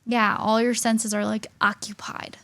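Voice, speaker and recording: A woman's voice: fairly high pitch, level tone, unhurried, a bit bright. A woman in her early twenties co-hosting a podcast, talking in a chatty, thoughtful way with many fillers. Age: early 20s. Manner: chatty, thoughtful, uses "literally" and "like" often. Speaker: podcast co-host. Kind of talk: casual chat.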